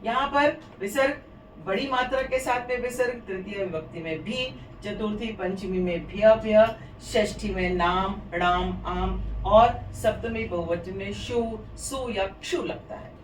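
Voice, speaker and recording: A woman's voice: mid-range voice, a little slow, roomy sound, distant mic, a little hiss or hum, poor audio. A woman teaching a Sanskrit grammar lesson, patiently reciting and repeating word forms. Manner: patient, repetitive drilling of declensions.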